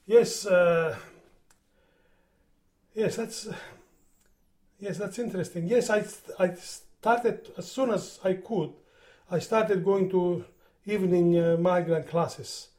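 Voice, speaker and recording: An older Greek man, speaking English as a second language with a Greek accent, recalls his working life in an oral history interview. His high voice has a darkish tone and moves slowly, with long pauses. He often repeats words while searching for them.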